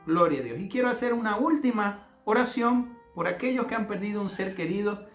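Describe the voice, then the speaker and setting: High-voiced Bolivian pastor preaching fervently. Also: male voice, animated, a bit bright. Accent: Bolivian Spanish. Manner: fervent, slows into drawn-out emphatic phrases. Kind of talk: sermon with guided prayer. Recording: echoey room with faint music.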